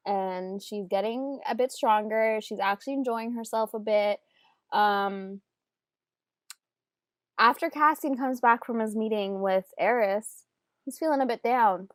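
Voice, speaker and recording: A woman's voice: a little high, takes it slowly, pauses often, no room sound, studio quality. A young woman co-hosting a casual book podcast, telling rambling stories full of fillers and laughter. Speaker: podcast co-host. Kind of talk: casual chat.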